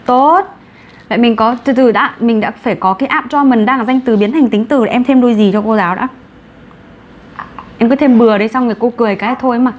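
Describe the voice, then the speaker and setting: A woman with a Vietnamese accent teaching English vocabulary in an online class, brisk and encouraging, mixing Vietnamese and English. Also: a little high.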